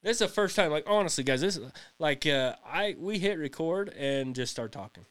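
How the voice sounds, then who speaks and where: A man in his late thirties co-hosts a casual podcast, rambling through the chat and laughing often. His voice is a little high and a bit bright, with lively intonation at a moderate pace.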